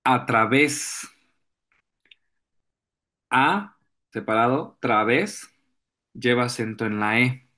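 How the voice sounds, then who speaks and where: Male teacher, mid-range voice, very slow and deliberate delivery, pauses to hunt for examples, clears throat often. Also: mid-range voice, animated, pushed and bright. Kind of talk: virtual class lesson.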